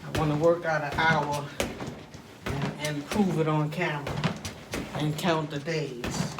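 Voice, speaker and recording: A man with a slightly high voice talks casually to camera while hitting a punching bag. He rambles along in loose, conversational phrases with repeated check-in tags. The recording has clearly audible noise around him. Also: fairly even intonation, unhurried. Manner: rambling, frequent "you know what I'm saying" tags. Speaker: video creator. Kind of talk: casual workout vlog, talking to camera.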